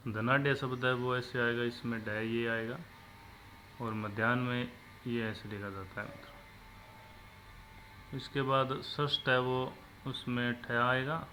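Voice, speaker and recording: A man teaching Hindi spelling for government exams, explaining each word in a steady lecturing tone and often addressing his listeners as friends. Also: medium pitch, slight background noise. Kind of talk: spelling lesson for exam aspirants.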